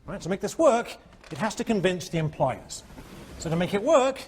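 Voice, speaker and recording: A male economics professor giving a university lecture, animated and constantly checking in with his students. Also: high voice, moderate pace, slight background noise. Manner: animated, keeps checking in with "all right?". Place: lecture hall.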